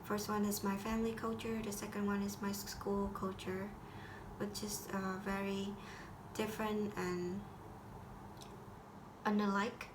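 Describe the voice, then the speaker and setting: A teenage high school student from Vietnam speaks English as a second language with a Vietnamese accent, giving a halting school assignment talk with frequent restarts and grammar slips. Her voice is medium-pitched with a level tone, and there is background noise.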